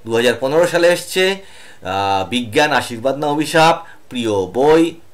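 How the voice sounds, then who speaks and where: A man's voice: medium pitch, lively intonation, normal speed. A man teaching an online exam-prep lesson, reading out lists of essay topics year by year and stopping to explain, with fillers between items.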